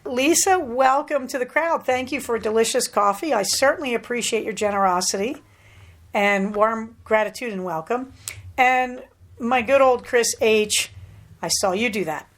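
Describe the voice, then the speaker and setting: In this casual solo podcast, the host is a middle-aged American woman whose voice is a little high and whose pace is moderate. She talks in a chatty, rambling style with many asides.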